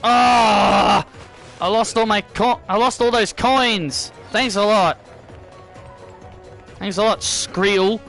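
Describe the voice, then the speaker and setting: A man's voice: sits high, takes it slowly, long pauses, a bit bright, soft background music. A man giving casual video game commentary, often repeating and rephrasing his own phrases. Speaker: gameplay commentator.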